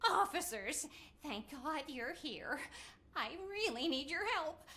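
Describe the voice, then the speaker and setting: A woman's voice: high-pitched, lively intonation, takes it slowly, pushed and bright, heavily acted. An actress playing an anxious older woman in a video game, pleading dramatically. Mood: worried.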